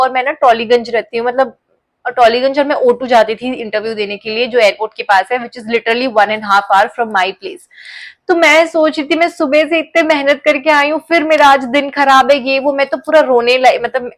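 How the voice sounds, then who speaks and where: A young woman vlogger telling a personal story in a casual, animated way, often mixing English phrases into her talk. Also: on the high side. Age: young adult.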